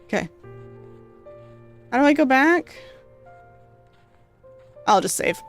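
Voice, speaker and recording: Taking it slowly, a woman streamer with a high voice and wide pitch swings reads a visual novel's narration aloud and chats with viewers as faint music plays. Her voice is giving out from so much reading and she coughs now and then, keeping things casual, rambling, and filler-heavy.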